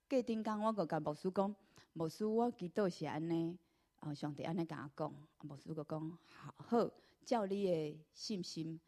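Earnest Taiwanese woman, mellow low voice. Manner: earnest storytelling, many drawn-out fillers. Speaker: church member giving testimony. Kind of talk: personal testimony.

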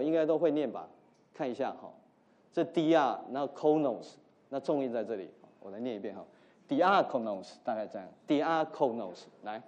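Male pastor mid-sermon: lively pitch, mellow tone, alternates loud emphasis with quiet asides. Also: muffled recording. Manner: animated preaching, swinging between loud emphasis and soft asides; mixes English words into his teaching.

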